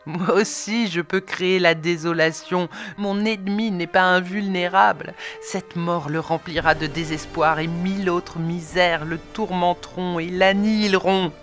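A woman voicing a bitter, vengeful male monster in an audiobook reading, with a low, menacing delivery. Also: unhurried, faint music behind. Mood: triumphant.

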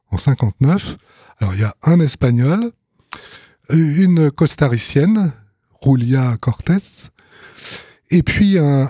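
A man's voice: mid-range voice, mellow, husky, dry recording, clean studio sound. A man hosting a radio show, introducing songs in a hesitant, amused way. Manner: hesitant and amused, many fillers and restarts. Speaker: radio host presenting songs. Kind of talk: casual on-air commentary.

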